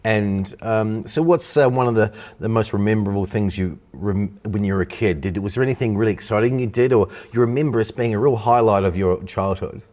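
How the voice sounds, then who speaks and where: Low-voiced man hosting, stumbling over words. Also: a little mellow. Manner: stumbling, repeats words, quick agreeing yeahs. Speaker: interview host. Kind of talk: casual interview chat.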